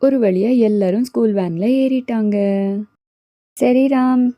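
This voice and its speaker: A woman's voice: fairly high pitch, measured pace, mellow, dry recording, studio quality. A woman narrating and voicing the adults in a doll play story, in a matter-of-fact way.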